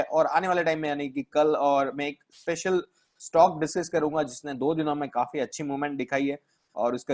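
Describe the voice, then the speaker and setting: An Indian man hosting a stock market video, talking casually through charts in Hindi sprinkled with English terms, with many fillers and self-corrections. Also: on the high side. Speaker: host, stock market analyst. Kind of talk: casual market analysis, screen walkthrough.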